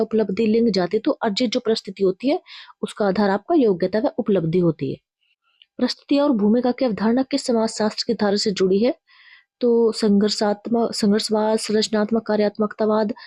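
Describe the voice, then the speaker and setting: A woman's voice: mid-range voice, a little fast, mellow, dry recording, clean studio sound. A woman teacher reading out exam quiz questions with their options, then explaining each answer and correcting herself along the way.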